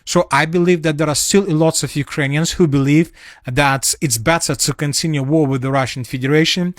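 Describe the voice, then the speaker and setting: A man with a manner giving a solo spoken analysis of war news, halting often with fillers and restarts. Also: fairly high pitch, fairly even intonation, dry recording, studio quality. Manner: halting, many fillers and restarts, non-native phrasing.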